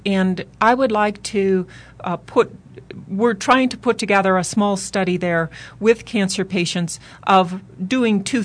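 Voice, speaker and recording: An American woman, a researcher, explaining her work in an unscripted interview. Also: mid-range voice. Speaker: university researcher, interview guest.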